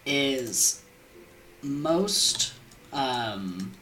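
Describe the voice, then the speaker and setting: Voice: mid-range voice, lively intonation, very slow, sharp tone, slight background noise. A young adult game streamer and storyteller with a sniffly cold, rambling casually in a scatterbrained, self-deprecating and informal way. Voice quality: congested.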